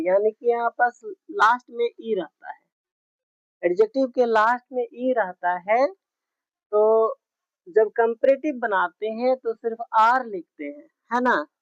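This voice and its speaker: Woman, grammar teacher, very slow, spells words out, dry close sound. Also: fairly high pitch, no echo. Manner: slow, repetitive, spells words out letter by letter with frequent check-ins. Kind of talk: classroom grammar lesson. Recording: dull, muffled lo-fi sound.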